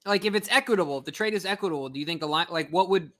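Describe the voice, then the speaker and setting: High, bright-voiced man, excitable sports talk. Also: very fast. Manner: excitable, questioning, playful. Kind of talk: casual draft-night chat.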